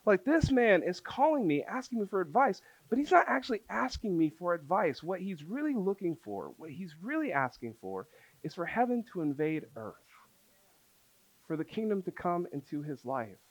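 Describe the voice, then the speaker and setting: Young pastor, casual storyteller, slightly high voice, close and dry. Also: male voice, sing-song, moderate pace, no echo. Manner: conversational, lots of likes and restarts, acts out quotes. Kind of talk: sermon storytelling. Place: church hall.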